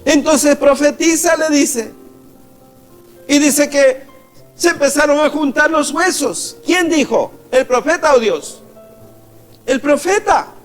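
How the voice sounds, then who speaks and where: A man's voice: extremely high pitch, slow pace, pauses often, soft background music. A man preaching a sermon as a pastor, calling his listeners "beloved" and acting out quoted voices. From Ecuador. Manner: preaching, calls the congregation "amados", acts out quoted voices.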